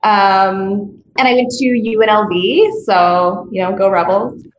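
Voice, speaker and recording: A woman from Las Vegas, a dancer, talks with many pauses and fillers in a casual interview. She calls in over video from home, and the room around her echoes. Her pitch sits in a middle range. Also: dull audio, slight background noise. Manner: hesitant, many ums and likes. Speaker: dancer guest. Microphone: video call from home.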